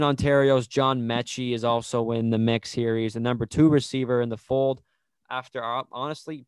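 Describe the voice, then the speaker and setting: A man's voice: medium pitch, clear, resonant tone, dry recording. A man hosting a sports podcast in casual commentary style.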